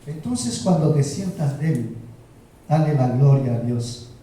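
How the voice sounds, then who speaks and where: Slow-preaching man, echoing church. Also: medium pitch, lively intonation, mellow, slight background noise. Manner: slow, emphatic preaching with rhetorical questions. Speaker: pastor. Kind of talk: sermon. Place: church sanctuary. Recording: roomy echo, heard from a distance.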